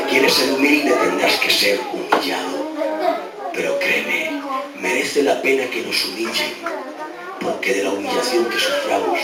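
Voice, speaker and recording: Preacher from Spain on old dictaphone tape. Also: male voice. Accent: Spain Spanish. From Spain, Extremadura. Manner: dramatic, swings from shouting to hushed low tones. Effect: old cassette dictaphone recording. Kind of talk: Pentecostal-style sermon. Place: large church hall. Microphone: handheld dictaphone in the congregation. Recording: echoey hall taped from far off with music. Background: music and congregation responses.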